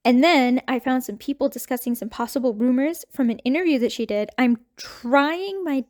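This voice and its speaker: A young adult woman vlogger recording a fast, excited rant on her phone, repeating herself as she goes. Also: high voice. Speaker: anime commentary vlogger. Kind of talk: casual rant.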